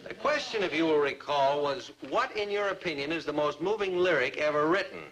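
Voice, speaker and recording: A man's voice: on the high side, expressive, fairly quick, fairly bright tone. An actor playing a pompous, long-suffering male schoolteacher in an old TV sitcom, with formal, florid diction. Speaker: teacher. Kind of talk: 1950s-60s TV sitcom acting. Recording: faintly noisy old TV soundtrack.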